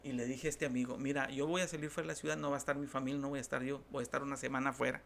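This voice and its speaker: A man who is a pastor with a northern Mexican accent, telling stories in a talk-show interview, animated and acting out the voices of the people he quotes. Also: mid-range voice, rapid-fire, gravelly, a little hiss or hum.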